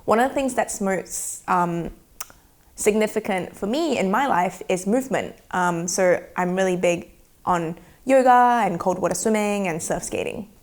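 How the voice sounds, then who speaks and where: Soft-spoken woman in her twenties. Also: mid-range voice. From Australia. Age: 20s. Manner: soft-spoken and thoughtful, slowing down on feelings. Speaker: documentary subject. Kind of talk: reflective personal interview. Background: faint background music.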